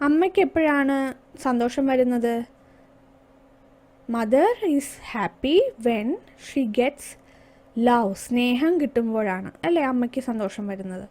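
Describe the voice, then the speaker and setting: A woman's voice: fairly high pitch, darkish tone. A woman teacher with a Malayali accent, explaining an English lesson for young pupils, asking questions and answering them herself. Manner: patient, slowing down to read English lines aloud.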